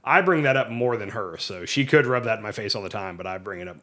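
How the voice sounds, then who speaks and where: A man's voice: fairly low pitch, lively intonation, quick pace, bright, forceful tone. A middle-aged man co-hosting a casual podcast, telling stories at length and poking fun at himself. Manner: talkative storyteller, self-deprecating. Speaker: podcast co-host. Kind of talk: casual chat.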